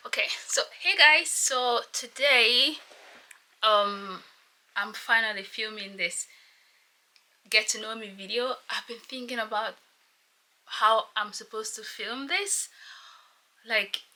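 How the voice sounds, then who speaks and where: A Nigerian woman in her thirties with a Nigerian accent, chatting casually to her camera at home while doing her makeup, keeping her voice soft. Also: fairly high pitch, slow pace, pauses often. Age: 30s. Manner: rambling, chatty, with fillers and laughs; talks softly so as not to wake someone. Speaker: vlogger. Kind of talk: casual get-to-know-me chat. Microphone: camera mic. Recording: loud background guitar music.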